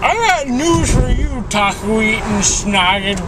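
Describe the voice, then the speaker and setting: A man's voice: high-pitched, expressive. Groggy, rambling man after wisdom teeth surgery. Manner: rambling, slow, indignant mock-political ranting. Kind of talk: rambling casual monologue. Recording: noisy car interior, road noise.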